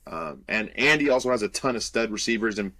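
A man's voice: lowish voice, animated, fairly quick, pushed and bright. A young man co-hosting a sports podcast, breaking down players in loose, confident casual chat full of "um" fillers. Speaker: podcast co-host and college football analyst.

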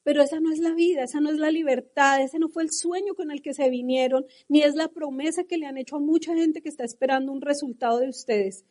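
A woman's voice: sits high, fast talker, hardly any pauses, darkish tone. A middle-aged Colombian woman with a Colombian accent, passionately telling her story in a motivational talk to a live audience. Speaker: motivational speaker.

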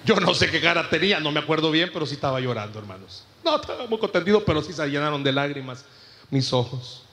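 A man's voice: a little high, lively intonation, quick pace, fairly bright tone, long reverb tail. A man with a Salvadoran accent preaching a sermon in church, telling stories with humor and asking the congregation rhetorical questions. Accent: Salvadoran Spanish. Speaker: pastor.

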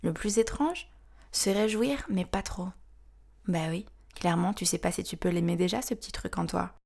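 A woman in her thirties hosts a podcast, reading scripted narration in a frank, wry, confiding tone. Her voice runs low and gravelly with a darkish quality, at a moderate pace.

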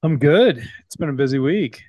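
A man's voice: fairly high pitch, lively intonation, normal speed, a little mellow, no room sound. A man chatting and bantering casually as a podcast co-host.

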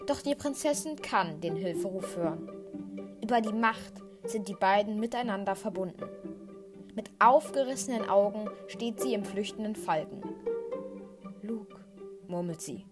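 A woman's voice: mid-range voice, moderate pace. Woman narrating a story over music. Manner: narrating dramatically. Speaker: podcast host. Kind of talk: scripted story retelling.

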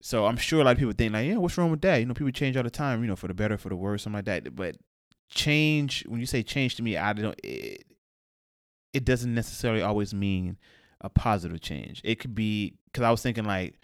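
This young adult podcast co-host has a lowish voice with lively intonation and a brisk delivery. In casual chat, he rambles as he thinks aloud, searches for the right words, and quotes himself. The audio is clean studio sound without echo.

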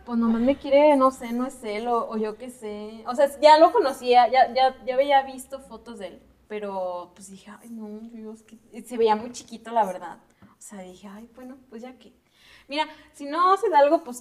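A woman's voice: on the high side, moderate pace. A young woman, co-hosting a podcast and animatedly telling a story, acting out her own reactions. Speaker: podcast co-host. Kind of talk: casual chat.

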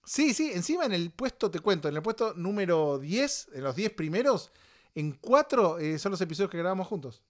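A man with an Argentine accent hosting a podcast, riffing on a song in casual comedic commentary, animated and exasperated, mocking lines in a put-on voice. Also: high voice, moderate pace. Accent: Argentine Spanish. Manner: animated, exasperated, mock-quotes lyrics in a put-on voice. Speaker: podcast host. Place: home recording setup.

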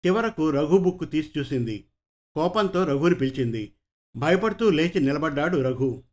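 Man, story reader, measured narration, slightly high voice.

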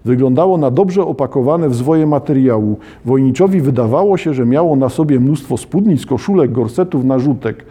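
A man's voice: mid-range voice, expressive, moderate pace, hardly any pauses, warm tone, husky. A man reading passages from a novel aloud and breaking off into analytical, conversational commentary. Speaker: literature lecturer.

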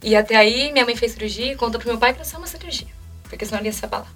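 A young woman in her twenties with a Brazilian Portuguese accent, a guest telling a personal story quickly and emotionally and acting out quoted dialogue. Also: fairly high pitch, fairly bright tone. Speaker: interview guest. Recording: mic at a distance, faint music.

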